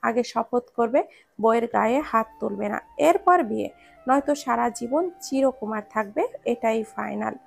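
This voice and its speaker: A woman's voice: fairly high pitch, normal speed, gravelly, soft background music. A woman voicing a feisty old grandmother. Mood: scolding. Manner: scolding, sharp.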